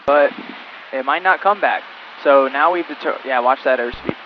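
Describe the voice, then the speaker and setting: A male flight instructor on a cockpit headset intercom, calmly talking a student pilot through each step in flight. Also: medium pitch, moderate pace, highs cut off, a little hiss or hum. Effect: heard over a cockpit headset intercom. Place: small plane cockpit in flight.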